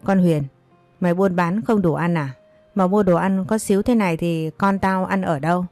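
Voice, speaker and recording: A woman's voice: lowish voice, moderate pace, darkish tone, no room sound, faint music behind, lightly acted. A woman reading the part of a bitter, scolding older mother-in-law who wails accusations. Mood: scornful. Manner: accusing, wailing complaints.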